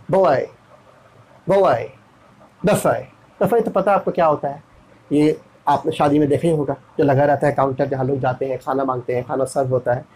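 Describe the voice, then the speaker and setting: A man's voice: a little high, darkish tone, breathy edge, low-quality recording. A man from India teaching pronunciation, repeating each word and spelling it out letter by letter. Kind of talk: classroom pronunciation lesson.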